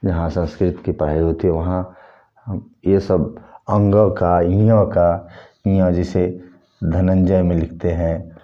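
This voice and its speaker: A man's voice: sits low, little pitch movement, slow, muffled recording. A man teaching a Hindi lesson at a board, explaining step by step and using a short story as an example.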